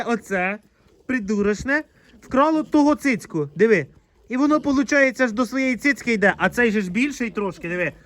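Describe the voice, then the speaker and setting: A man's voice: sits high, fairly bright tone. A man, a pig farmer, chatting casually as he shows his pen, fond with the piglets and scolding them. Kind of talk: casual vlog narration.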